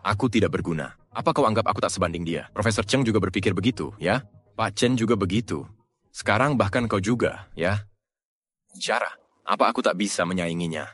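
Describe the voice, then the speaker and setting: A blustering scheming dean. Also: male voice, fairly low pitch, a little fast, a bit bright, husky, no room sound. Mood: furious. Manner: blustering, turns fawning then menacing. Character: arrogant scheming male hospital dean. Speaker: hospital dean. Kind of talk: dubbed drama acting.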